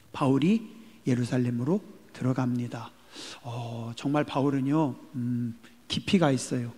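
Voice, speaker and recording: A male pastor preaching a sermon, firing questions at the congregation and swinging between loud calls and hushed words. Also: high voice. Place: church sanctuary. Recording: long hall reverb.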